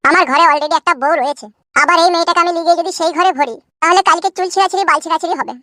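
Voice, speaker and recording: Dubbing a cartoon, a performer gives voice to a dramatic young husband, self-pitying and aggrieved, who wails long complaints full of florid images. Very high-pitched, bright and forceful, the voice holds a steady tone at a rapid-fire pace, studio quality with no echo.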